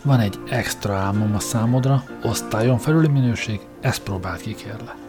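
A man's voice: lowish voice, music in the background, close to an everyday voice. A man doing a sly, fawning court scholar. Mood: flattering. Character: sly, scheming male court scholar machine.

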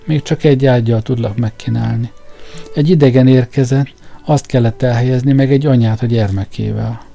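A man reading the lines of a worried old farm mother in a storybook, in an earnest voice with a dark tone. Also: medium pitch, steady tone, gravelly, faint music behind, natural voice. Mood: sad.

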